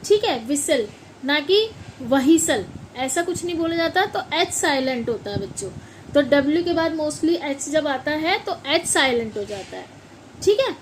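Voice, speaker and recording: An animated English teacher with a high voice explains pronunciation at a moderate pace, spelling each word letter by letter and repeating it. She checks in often to be sure her class is following. It's a rough recording with slight background noise.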